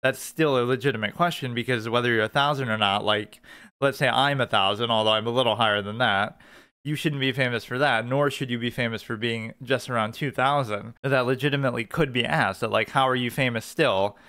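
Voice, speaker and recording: A man's voice: mid-range voice, a little fast, pushed and bright, clean tone. A man giving opinionated, off-the-cuff reaction commentary in a critical, argumentative manner.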